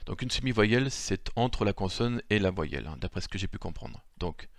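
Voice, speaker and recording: A man's voice: lowish voice, animated, brisk, dry recording, clean studio sound. A man giving an improvised spoken lesson, hesitant, with many fillers, correcting himself as he goes. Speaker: language teacher. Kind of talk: improvised screen-share lesson.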